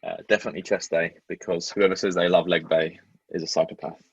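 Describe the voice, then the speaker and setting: A man's voice: low-pitched, little pitch movement, fast, breathy edge, no room sound, muffled recording. A man, a personal trainer, giving short easygoing answers as a podcast guest, often starting with "uh". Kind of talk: casual interview answers.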